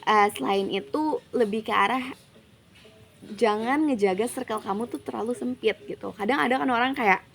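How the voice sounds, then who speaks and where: A woman's voice: fairly high pitch, moderate pace, vocal fry, fairly bright tone, faint music behind. A young woman from Jakarta, a university student, chatting casually as an interview guest and dropping English phrases into her speech. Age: young adult.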